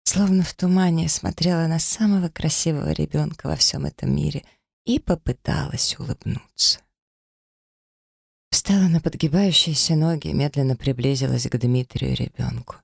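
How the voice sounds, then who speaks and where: Man, audiobook narrator, dramatic emotional reading, gravelly voice, dry close sound. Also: on the high side, steady tone, moderate pace, no room sound. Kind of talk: audiobook narration of a first-person story.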